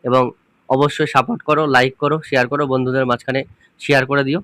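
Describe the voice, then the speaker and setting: A man's voice: mid-range voice, level tone, fast talker, fairly bright tone, no echo. A man teaching an English grammar lesson, patiently repeating rules and asking his students questions. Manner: patient, repeats points and asks the class questions; addresses viewers informally as students.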